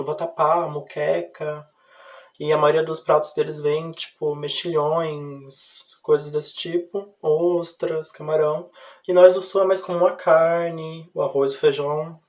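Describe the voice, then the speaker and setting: A student speaking in a loose, chatty class presentation. The pitch sits in a middle range, and the talk wanders and leans on fillers as it goes. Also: a little mellow. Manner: loose, rambling, many fillers. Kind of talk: casual spoken class presentation.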